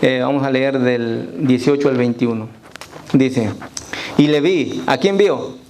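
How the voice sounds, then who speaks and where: A man's voice: medium pitch, slow, a little mellow, a little hiss or hum, rough recording. A man leading a church Bible study, reading scripture aloud and quizzing the congregation.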